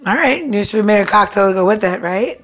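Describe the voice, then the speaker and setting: A woman co-hosting a podcast plays bartender, casually and chattily walking listeners through each step of a cocktail demonstration. Her medium-pitched voice is animated, quick, and fairly bright.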